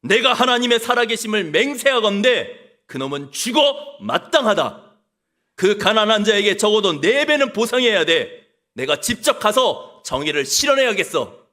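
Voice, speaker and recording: A preacher acting out an indignant ancient king who shouts and makes excuses. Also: high-pitched, big pitch swings, moderate pace, exaggerated voice. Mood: outraged. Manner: shouting, indignant, self-justifying. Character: King David, furious then full of excuses.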